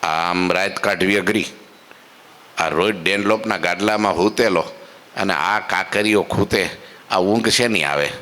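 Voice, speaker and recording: A man, telling a devotional story as a preacher. He narrates in a lively way, acting out the characters and asking rhetorical questions. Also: sits low, unhurried, long reverb tail.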